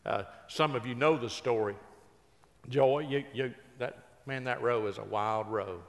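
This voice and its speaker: A man's voice: mid-range voice, a little slow, gravelly. Folksy man in an echoing hall. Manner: folksy, chatty, teasing the crowd. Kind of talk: stand-up storytelling to a live audience.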